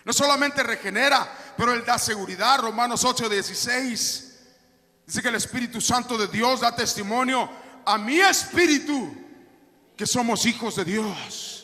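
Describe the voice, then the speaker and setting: A man preaching a sermon as pastor, emphatic, rising to shouts and dropping to soft, hushed asides. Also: very high voice, animated, normal speed. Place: church sanctuary. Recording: long reverb of a church hall.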